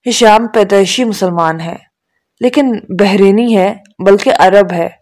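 A woman's voice: medium pitch, darkish tone, close to an everyday voice. A woman reading as an offhand, teasing young man. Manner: offhand, dry, unbothered. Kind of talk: audiobook dialogue reading.

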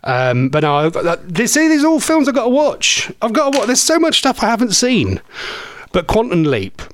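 A man's voice: a little high, dry recording. A man hosting a radio show, chatting in a rambling, self-deprecating way from a studio microphone. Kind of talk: casual radio chat.

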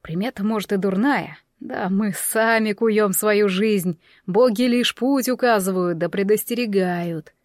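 A woman voicing a gentle young male warrior who speaks in a soft, low-key way, in an audiobook. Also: a little slow, hardly any pauses, no room sound, clean studio sound, natural voice. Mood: soothing. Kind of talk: audiobook character voice.

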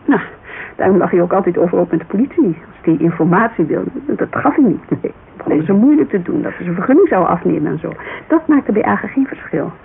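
Fond and wistful, the guarded yet candid thirty-three-year-old Amsterdam agency owner talks fast in a lowish voice with lively intonation and gravelly fry, her Dutch accent clear. Hesitant and colloquial, she searches for words throughout this naturalistic radio drama exchange, captured on a hissy, narrow-band recording.

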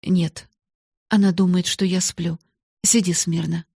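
A woman's voice: lowish voice, little pitch movement, measured pace, gravelly, warm tone, breathy edge, no echo, studio quality, exaggerated voice. A woman voicing a proud, restrained young girl in hard times, speaking earnestly in a storybook reading. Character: proud, sharp-eared poor young girl.

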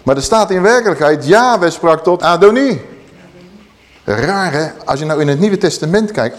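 Animated male Bible teacher. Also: a little high. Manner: animated, emphatic, acts out scripture quotes; addresses listeners directly and warmly. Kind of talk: sermon-style Bible teaching.

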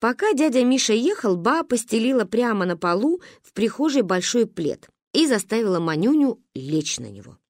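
A woman reading a children's story aloud as narrator, with expressive storytelling. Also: on the high side, normal speed, hardly any pauses, no echo, clean studio sound.

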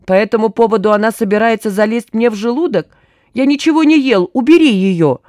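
A woman reader voicing a timid, whiny grown man who pleads and complains in a shrill, raised voice. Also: big pitch swings, normal speed, dark tone, no room sound, clean studio sound. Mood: pleading whine. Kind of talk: audiobook character voice.

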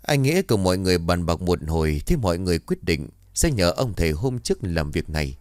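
A man narrating a ghost story from a script, with lively intonation. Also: low-pitched, quick pace, dry recording. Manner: reads all characters in his own voice, lively intonation.

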